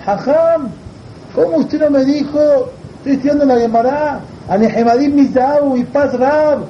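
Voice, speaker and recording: A man's voice: very high voice, moderate pace, reverberant, a little hiss or hum, pitched above the performer's own voice. A man voicing a young male Torah student who pleads tearfully and insists he will not sell his learning, in a muffled recording. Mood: pleading.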